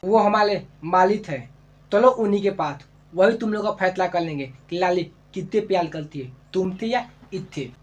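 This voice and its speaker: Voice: mid-range voice, normal speed, lo-fi sound, slight background noise, lightly acted. Someone doing a lisping cartoon vegetable peacemaker. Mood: scolding. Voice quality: lisp. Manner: scolding, calming others down. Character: lisping male vegetable mediator, fussy.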